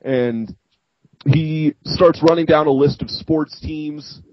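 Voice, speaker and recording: A man with a fairly high, husky voice jumps into the conversation eagerly, giving his opinions in casual podcast chat. His voice sits dry and slightly dull, recorded on a modest home mic. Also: steady tone, slow, no room sound. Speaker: podcast co-host. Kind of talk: casual chat recapping wrestling.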